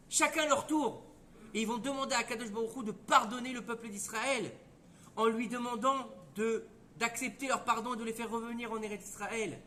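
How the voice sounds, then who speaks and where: A man teaching a Torah lesson as a lively story, acting out the voices. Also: very high-pitched, slight background noise. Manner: lively, conversational, acts out voices.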